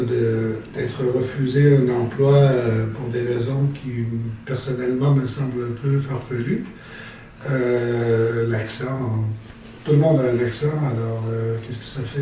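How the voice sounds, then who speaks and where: A man's voice: mid-range voice, fairly even intonation, measured pace, dark tone, a little hiss or hum. A man hosting a conversational interview, asking questions hesitantly with many fillers and restarts. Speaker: podcast host. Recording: distant mic with heavy room echo and faint ambience.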